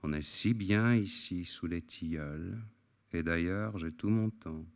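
An actor reading aloud, voicing a calm, sly foreign professor who speaks slowly and teasingly. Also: male voice, low voice. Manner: measured, teasing, slow deliberate delivery.

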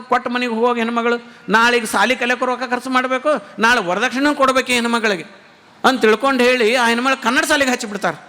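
A man's voice: extremely high pitch, pushed and bright. A man with a North Karnataka Kannada accent preaching a sermon, repeating rhetorical questions to drive his point home. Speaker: religious teacher giving a discourse. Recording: long hall reverb.

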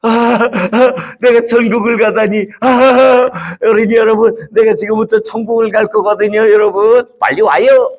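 A man's voice: high voice, fairly even intonation, moderate pace, few pauses, voice pushed up. A man doing Lazarus, a pleading beggar. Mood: eager. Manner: pleading, insistent, childlike. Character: poor, earnest beggar boy Lazarus, pleading. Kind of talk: church puppet show.

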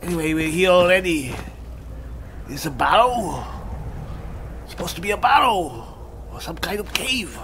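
A man role-playing a boisterous barbarian adventurer in halting, exclamatory video game commentary. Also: sits high, lively intonation, fairly bright tone. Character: boisterous male barbarian adventurer eager to fight. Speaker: player and host of a role-play gaming series. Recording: clear background noise, game ambience.

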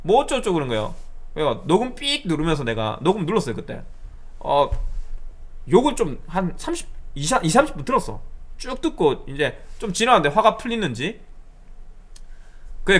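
A man's voice: on the high side, a little fast. A young man casually telling a personal anecdote, acting out both sides of a phone argument. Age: young adult. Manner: animated, acts out both sides of the dialogue. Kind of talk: casual storytelling.

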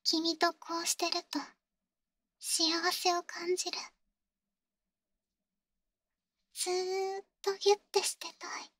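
A woman playing an insecure young girlfriend in an ASMR role-play, halting and pleading, with a sweet, eerily obsessive manner. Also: very high-pitched, level tone, a bit bright, heavily acted. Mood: tender, clingy. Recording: close, dry ASMR audio.

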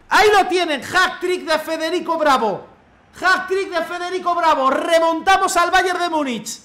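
A man from commentating his own football video game match, cheering loudly at goals and repeating his phrases. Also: very high-pitched. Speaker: gaming youtuber. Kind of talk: excited live gameplay commentary.

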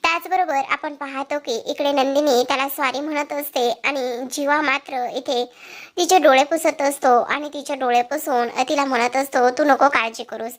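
A woman's voice: high voice, steady tone, moderate pace. A woman hosting a channel, narrating a recap of a TV serial episode. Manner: storytelling, repeats narration phrases.

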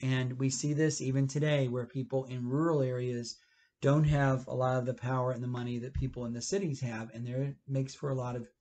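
A man's voice: mid-range voice, flat delivery, a little fast. Middle-aged man teaching a children's lesson. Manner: gestures a lot, explains gently with rephrasing. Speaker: pastor. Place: church library with bookshelves.

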